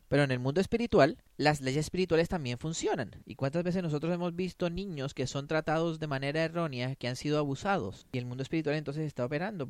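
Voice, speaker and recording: A man's voice: fairly high pitch, dry recording, clean studio sound. A man preaching a sermon, emphatic, often asking his listeners questions and acting out the quoted voices.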